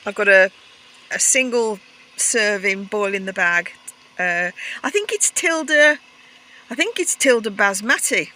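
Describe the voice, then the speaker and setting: Cooking in a warm stove tent, this woman talks to the camera in a relaxed vlog style, musing aloud between steps. She sounds medium-pitched and animated, keeping a measured pace with a sharp edge to her tone.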